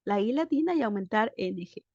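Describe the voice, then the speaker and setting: Here an English teacher narrates a screen-recorded grammar lesson with slides, her mid-range voice animated, fairly fast, and a touch mellow. She works through each step and pauses for patient checking questions. The sound is dry, dull, and low-fidelity.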